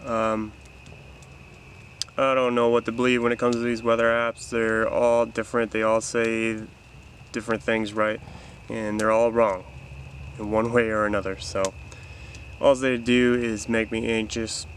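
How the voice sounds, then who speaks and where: A young man talking casually to the camera on a solo camping trip in a forest, relaxed and chatty, thinking out loud. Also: medium pitch, moderate pace, slight background noise. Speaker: outdoor vlogger. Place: outdoors in a forest campsite. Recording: faint outdoor ambience behind.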